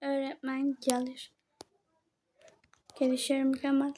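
A woman narrates a casual role-play story and chats directly with her viewers. Her voice sits high, and she talks at a slow, easy pace. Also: completely flat delivery, dark tone, a little hiss or hum. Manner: chatty, addresses viewers directly.

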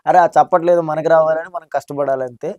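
A man's voice: on the high side, steady tone, fast talker, no room sound, clean studio sound. A young man from Andhra Pradesh, a mimicry and dubbing artist, chatting playfully in an interview. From Andhra Pradesh, India. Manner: joking, playful, soft-spoken. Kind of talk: casual interview chat.

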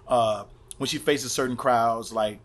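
A man's voice: mid-range voice, unhurried. A male stand-up comedian from Chicago chatting on a podcast, telling road stories and acting out crowd voices. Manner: animated storyteller, acts out crowd voices. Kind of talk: casual podcast chat.

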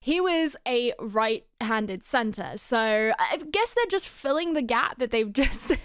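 A woman's voice: a little high, animated, takes it slowly, smooth, dry recording, clean studio sound. A young woman talking casually through hockey draft picks, reading out stats and riffing on them with lots of ums and restarts. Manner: chatty, many fillers and restarts, reads stats then riffs. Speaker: hockey video creator. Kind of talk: casual sports analysis.

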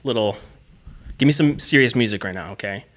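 A man's voice: medium pitch, brisk, fairly bright tone. A young man, a youth leader, co-hosting a podcast with goofy jokes and playful bro talk. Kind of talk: casual comedic chat.

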